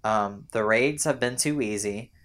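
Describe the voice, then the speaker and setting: A young man with a slightly low voice talks in a relaxed chat, grumbling with animated energy. He slips into quick mimicry of characters while he complains. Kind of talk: casual chat.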